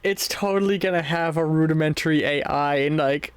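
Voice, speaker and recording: A man's voice: fairly high pitch, a little fast, clear, resonant tone, no room sound. A young man narrating as game master, rambling with restarts and laughter.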